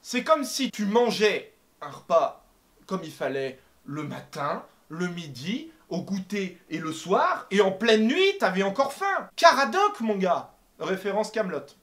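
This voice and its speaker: A young man doing a comic rant to camera, animated and exaggerated, swearing and laughing often. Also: sits high, measured pace, over loud music. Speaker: comedy vlogger. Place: apartment.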